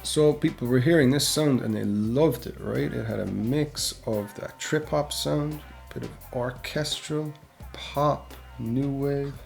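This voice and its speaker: This music history channel host has a medium-pitched voice that is gravelly, a little mellow and a bit slow. He tells a band's story in a casual, chatty style, constantly tacking "right?" onto his lines.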